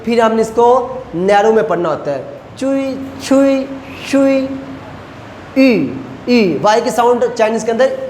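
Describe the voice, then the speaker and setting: A man's voice: sits high, animated, darkish tone, a little hiss or hum. Man lecturing in an echoey room. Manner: explains slowly, repeating each point and modeling pronunciations. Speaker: language teacher. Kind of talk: recorded classroom lecture.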